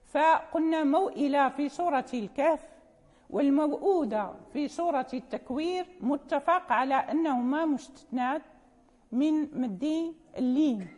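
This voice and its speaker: Speaking at a normal speed in a high-pitched, slightly mellow voice, a woman lectures a class on recitation rules. She explains patiently, goes over key terms again, and checks her students follow, with long hall reverb on the recording.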